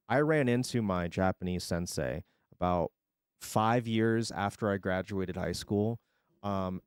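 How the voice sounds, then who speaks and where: A man's voice: lowish voice, darkish tone, smooth, no room sound, studio quality. A man hosting a casual livestream, telling stories and reacting in an exclamatory, profane way. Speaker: livestream host. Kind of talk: casual reaction chat and storytelling.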